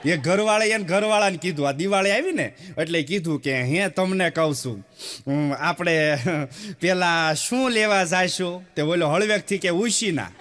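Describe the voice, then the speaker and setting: A man's voice: high voice, normal speed, background noise. A man telling folk jokes on stage, acting out the dialogue and laughing along. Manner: acts out dialogue, laughs along, drawls some lines. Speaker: stand-up comedian. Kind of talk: Gujarati folk comedy storytelling.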